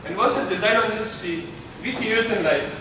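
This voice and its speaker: A man's voice: sits high, brisk, lightly acted. A man with an Indian accent acting a bossy, stern shopkeeper and father in an amateur stage skit. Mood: scolding. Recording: noisy, echoey hall from far off.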